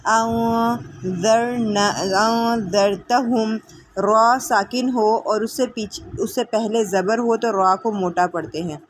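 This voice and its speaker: A woman teaching tajweed, explaining the rules quickly and reciting verses slowly with long drawn-out vowels. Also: mid-range voice, steady tone. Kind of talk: tajweed lesson.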